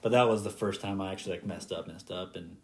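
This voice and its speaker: A man's voice: low-pitched, quick pace, crowd noise. Young male flight instructor telling stories. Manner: lively, animated retelling of radio calls. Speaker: flight instructor, podcast guest. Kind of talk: casual storytelling in conversation.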